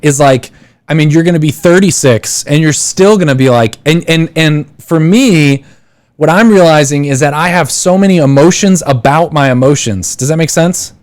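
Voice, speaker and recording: His voice is on the high side and a little mellow, at a normal speed. He's a man in his thirties hosting a live call-in podcast, handing out casual advice as he rambles, using lots of fillers and restarting his sentences.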